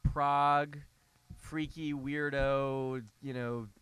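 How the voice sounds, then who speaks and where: A man with a thin, reedy voice at a middle pitch, clear and clean. He banters casually as a band guest on college radio, joking irreverently and feeling his way through sentences. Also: level tone, fairly bright tone, no echo. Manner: joking, irreverent, halting delivery. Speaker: band member, interview guest.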